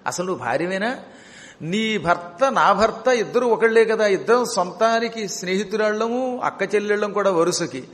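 A man's voice: high-pitched, expressive, moderate pace, a bit bright. A man voicing a grieving, bitter queen. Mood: reproachful. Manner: lamenting, reproachful. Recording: long hall reverb.

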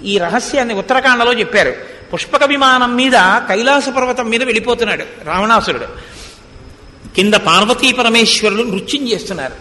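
A man's voice: very high voice, lively intonation, a little fast, sharp tone. A man giving a devotional discourse who retells scripture stories, acts out the dialogue and chants verses. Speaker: religious discourse speaker. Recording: long hall reverb.

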